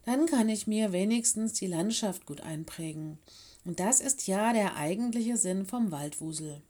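A woman's voice: medium pitch, expressive, unhurried, warm tone. A woman voicing a small, nimble young girl animal with claws in a storybook reading, cheerful and breezy.

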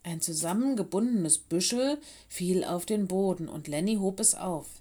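A woman narrating a children's storybook aloud in a calm, measured way. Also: on the low side.

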